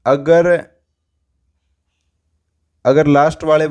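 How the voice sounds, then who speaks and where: A man teaching a grammar lesson step by step, asking his own questions and answering them, and drawling out English example sentences slowly. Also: level tone. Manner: drops low and soft on word lists.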